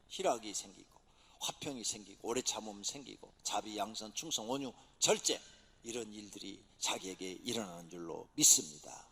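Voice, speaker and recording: Pastor guy preaching hard, voice swoops all over, shouts then whispers. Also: mid-range voice, creaky, breathy edge. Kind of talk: sermon. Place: church sanctuary. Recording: church hall reverb.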